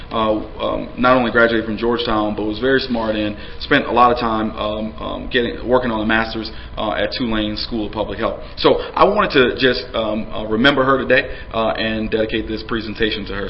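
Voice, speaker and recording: A man, speaking earnestly to a conference audience and pausing on frequent "uh"s and "um"s. His voice sits fairly low. The recording is dull with a faint hiss behind it. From New Orleans, USA. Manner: frequent fillers, earnest, conversational. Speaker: city official giving a presentation. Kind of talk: conference presentation.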